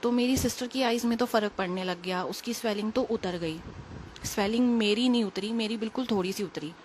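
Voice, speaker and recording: A woman's voice: medium pitch, a little mellow, a little hiss or hum. Chatty young woman telling a story. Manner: chatty, rambling, quick with fillers. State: unwell. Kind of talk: casual spoken testimony.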